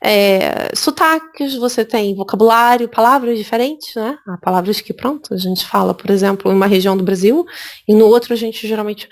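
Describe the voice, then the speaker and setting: A woman from Brazil teaching an English exam prep lesson, lively and repeating words for emphasis. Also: medium pitch, moderate pace. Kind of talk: spoken lesson.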